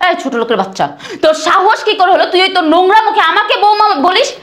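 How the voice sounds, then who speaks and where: A woman's voice: very high-pitched, big pitch swings, racing, exaggerated voice. An actress playing an arrogant rich young bride who hurls scornful insults at her poor in-laws. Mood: contemptuous. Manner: shouting insults, sneering. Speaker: actress in a short drama. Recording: echoey room.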